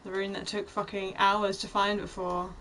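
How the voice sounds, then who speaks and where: A woman's voice: mid-range voice, flat delivery, moderate pace, fairly bright tone, a little hiss or hum, poor audio. A young woman commenting casually on a game as she plays, chatty and swearing freely. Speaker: game streamer. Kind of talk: casual let's-play commentary.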